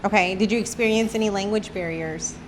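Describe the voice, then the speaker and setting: A woman co-hosts a casual podcast and speaks softly. She mostly asks short questions and gives brief replies. Her voice sits at a mid pitch, with a faint hiss in the background. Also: brisk. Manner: soft, brief prompts and questions. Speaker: podcast co-host asking questions. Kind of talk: casual chat.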